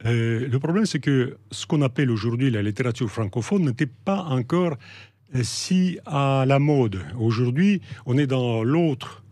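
A middle-aged man from Russia with a Russian accent, talking in a measured, hesitant way with many pauses and restarts as an interview guest. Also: medium pitch, mellow, no room sound. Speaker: guest, novelist. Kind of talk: reflective interview talk.

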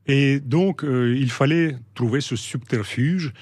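A middle-aged man from Russia with a Russian accent, talking in a measured, hesitant way with many pauses and restarts as an interview guest. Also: mid-range voice, a little mellow, husky, dry recording. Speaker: guest, novelist. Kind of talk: reflective interview talk.

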